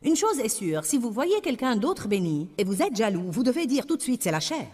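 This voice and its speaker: Lively woman preaching in a reverberant hall. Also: a little high, normal speed, breathy edge. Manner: emphatic, repetitive declarations. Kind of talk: sermon delivered as French voice-over.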